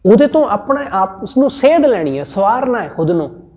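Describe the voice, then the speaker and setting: A man with a Punjabi accent giving a scripture sermon, teaching in a measured, repetitive way with everyday examples. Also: high-pitched, sing-song, a little mellow. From India. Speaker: Sikh scripture preacher. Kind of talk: sermon-style scripture exposition.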